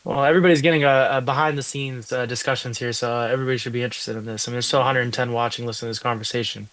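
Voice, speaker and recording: Fast-talking hedging stream host man. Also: mid-range voice, steady tone, a bit bright. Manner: hedging, lots of fillers and restarts. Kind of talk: casual interview chat.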